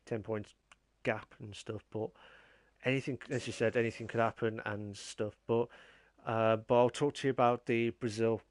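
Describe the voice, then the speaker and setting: A man's voice: mid-range voice, dry recording. Rambling man with an English Midlands accent. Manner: rambling, repetitive, hesitant phrasing. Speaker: interviewer, league host. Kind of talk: casual post-race interview.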